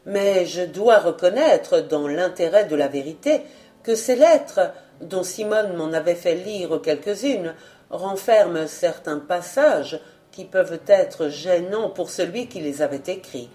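A woman reader voicing a composed, dignified lady's companion who speaks calmly. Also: lowish voice, measured pace.

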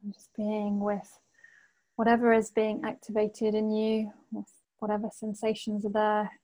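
Female meditation guide, sleep-story narrator feel: soft-toned and mellow, very even pitch, lots of space between phrases. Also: poor audio. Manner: gentle, unhurried phrasing with long pauses.

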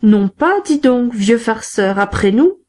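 A woman voicing a rough male bandit, gruff and shouting defiantly. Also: on the high side, expressive, slow.

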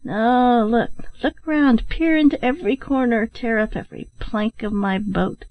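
A woman's voice: on the high side, a little slow, no room sound. A woman voicing a dying, gold-haunted old miser. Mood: bitter, weak. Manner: weak, hoarse whispering with sharp outbursts. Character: dying middle-aged man, bitter, gold-obsessed. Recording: dull, muffled recording.

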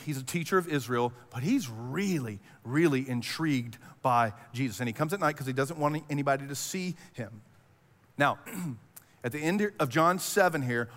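A man's voice: on the high side, fairly bright tone. A man preaching a sermon as pastor, casual and conversational, with lots of fillers. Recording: hall reverb.

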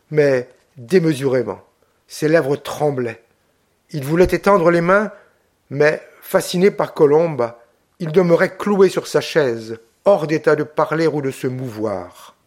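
A man narrating a classic novel in a measured, expressive reading. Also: fairly high pitch. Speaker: audiobook reader. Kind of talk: literary audiobook narration.

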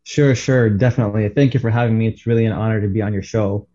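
A man who grew up in Saudi Arabia speaks as a doctor guest on a radio show, his voice mellow and warm. He explains at a measured pace, padding his answers with "you know" and "um". The sound is slightly dull. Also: fairly low pitch, fairly even intonation. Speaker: pain management doctor, guest.

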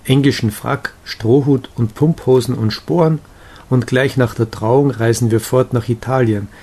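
A man reading the excited exclamations of a carefree young wanderer in an audiobook of a romantic novella. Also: medium pitch, unhurried, breathy edge. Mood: eager. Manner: eager, exclaiming.

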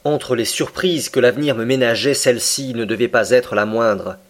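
A man narrating an audiobook in a steady, formal storytelling manner. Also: mid-range voice, moderate pace.

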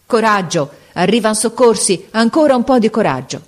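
Storybook army captain, male, desperate and commanding, shouted high and strained; a woman voices him. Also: animated, moderate pace, natural voice. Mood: urgent. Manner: shouted, urgent orders and curses.

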